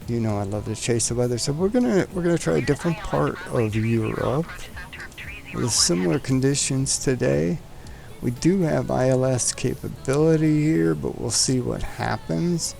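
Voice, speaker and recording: Soft music plays behind a flight sim host whose mid-range, slightly mellow and creaky voice moves with lively intonation at normal speed. He chats and jokes casually, addressing the aircraft as he gets it ready.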